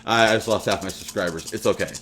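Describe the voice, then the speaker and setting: A man's voice: lowish voice, fast, noisy background. Jokey man hosting a hobby vlog. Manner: playful, jokey, talks straight to viewers. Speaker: channel host. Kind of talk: casual hobby vlog talk.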